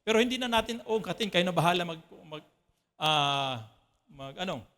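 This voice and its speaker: Male pastor from the Philippines, high bright voice, chatty sermon delivery that checks in with the congregation. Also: animated, moderate pace. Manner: conversational preaching with frequent "ano po" checks to the congregation. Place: church.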